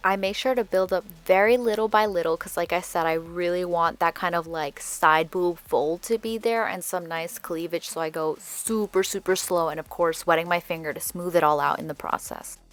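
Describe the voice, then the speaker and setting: Speaking at a moderate pace with few pauses, this lower-voiced woman narrates a doll repaint tutorial over soft background music. Her braces slightly change her speech, and her voice-over is casual, chatty and candid.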